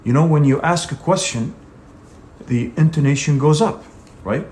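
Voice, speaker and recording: A man's voice: fairly high pitch, moderate pace, a little mellow, slight background noise. A man teaching an English speaking exam lesson, talking in an emphatic, direct coaching manner with frequent "you know" fillers. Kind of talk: instructional video lesson.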